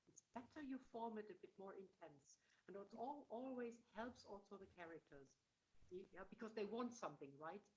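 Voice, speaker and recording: With poor audio, a middle-aged woman speaks in an expressive, medium-pitched voice at a moderate pace. She is a voice teacher giving masterclass coaching over a video call, demonstrating phrases by singing them and then explaining warmly, addressing the singer as "darling."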